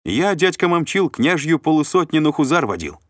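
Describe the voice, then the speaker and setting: A man voicing a boastful young male warrior, cheeky and loud, in an audiobook. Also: a little high, very animated, normal speed, no room sound, studio quality, voice pushed up. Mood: boisterous. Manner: loud, exuberant shouting.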